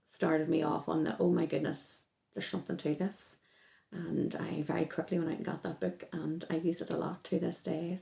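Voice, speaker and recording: Speaking in an echoey room, this podcast guest has a lowish voice touched with vocal fry. Her casual talk is lively, wandering and full of self-corrections.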